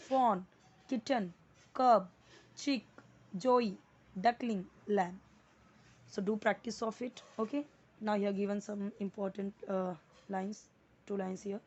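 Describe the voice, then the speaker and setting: Female english teacher, higher voice, asks and answers, repeats words, dull lo-fi audio. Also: a little mellow. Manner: asks questions then answers them, repeats words for drill. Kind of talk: spoken English lesson.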